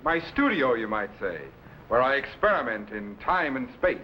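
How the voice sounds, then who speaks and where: An authoritative time-travelling scientist captain, played by a man from a 1950s sci-fi drama. He declaims earnestly with lively, swinging intonation on a dull, faintly noisy old soundtrack. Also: medium pitch, normal speed, natural voice. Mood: reassuring. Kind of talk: 1950s children's sci-fi television acting. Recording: dull, hissy vintage programme soundtrack.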